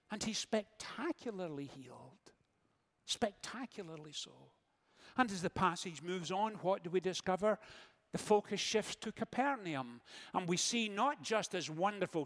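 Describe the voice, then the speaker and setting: Slow high-voiced preacher, echoing church. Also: male voice. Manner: slow, measured preaching with dramatic pauses and rhetorical questions. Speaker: pastor. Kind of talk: sermon. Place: church sanctuary. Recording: long church reverb.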